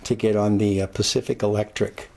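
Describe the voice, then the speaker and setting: A man's voice: on the low side, little pitch movement, a little fast, creaky, a little mellow. A man in his sixties from California, fondly telling stories of his childhood in a documentary interview. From Glendale, California. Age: 60s.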